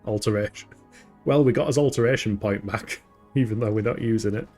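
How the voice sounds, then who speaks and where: A man chats through his gameplay in a relaxed, joking way and laughs often. His voice sits slightly low, and faint music plays underneath. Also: fairly quick. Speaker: game streamer. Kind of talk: casual gameplay commentary.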